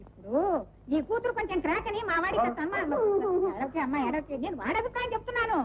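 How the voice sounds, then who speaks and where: A woman's voice: very high-pitched, sing-song, quick pace, crowd noise. A middle-aged actress playing a domineering village mother who scolds her family, in an old film. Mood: scolding. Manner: sharp-tongued, scolding. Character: domineering sharp-tongued village mother-in-law. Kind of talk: Telugu film dialogue. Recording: dull old film soundtrack with music.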